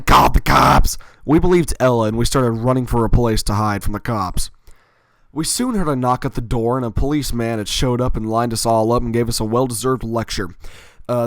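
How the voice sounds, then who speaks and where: A man's voice: mid-range voice, no room sound. A man telling a personal story in a casual, rambling way, with fillers and little self-corrections.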